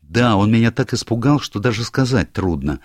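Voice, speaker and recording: A man's voice: fairly low pitch, animated, normal speed, dry recording, pitched above the performer's own voice. A man voicing a young, anxious male secretary who stammers and is eager to please, in an audiobook. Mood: flustered. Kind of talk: audiobook character voice.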